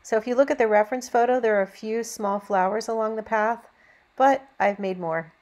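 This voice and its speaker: Narrating a painting demo as the instructor, a woman speaks briskly at a fairly high pitch. She teaches in a gentle, supportive way.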